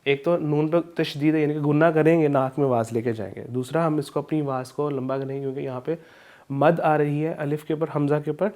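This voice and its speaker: A man teaching an Islamic studies lesson with a Pakistani Urdu accent, explaining rules slowly and chanting verses in drawn-out recitation. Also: a little high, level tone, darkish tone. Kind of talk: recorded video lesson with Quran recitation.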